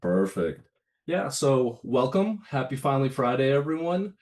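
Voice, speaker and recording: A man's voice: medium pitch, big pitch swings, normal speed, darkish tone. A man in his thirties from Ukraine, giving a casual webinar talk over a video call while getting over a cold, with many fillers and restarts. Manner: conversational, with frequent fillers and restarts. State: has a cold, itchy throat. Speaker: presenter at a bar webinar.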